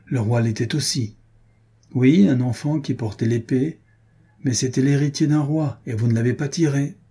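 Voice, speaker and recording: A man voicing a proud but frightened young duke who speaks in a hushed murmur. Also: medium pitch, moderate pace, breathy edge.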